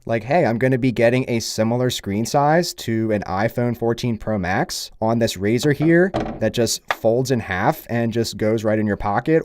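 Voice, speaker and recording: A man's voice: fairly low pitch, a little mellow, dry recording. A man giving a casual, upbeat product review in a conversational, approving way. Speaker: tech reviewer.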